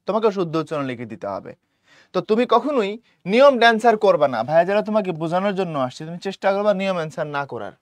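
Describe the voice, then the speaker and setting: A man's voice: high voice, dry recording. A young man teaching an exam-prep lesson, speaking colloquially, repeating key points and often checking that students understand.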